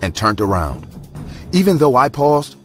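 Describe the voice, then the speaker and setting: A man giving a measured, dramatic scripted narration of a horror story. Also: mid-range voice, sing-song. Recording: narration over loud music.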